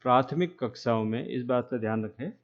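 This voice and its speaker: A man lecturing trainee teachers, speaking slowly and repeating key terms, with frequent checks that the class is following. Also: mid-range voice, dull audio. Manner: asks "है ना?" to check understanding.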